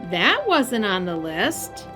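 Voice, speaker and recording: A woman voicing a kind, patient mother pig with a gentle, instructive manner in a children's picture book. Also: medium pitch, wildly swooping pitch, takes it slowly, over music. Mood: encouraging.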